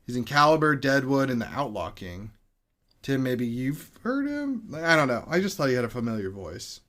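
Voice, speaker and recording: A man's voice: mid-range voice, sing-song, normal speed, fairly bright tone. A man co-hosting a movie podcast, rambling casually and swearing now and then. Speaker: podcast co-host.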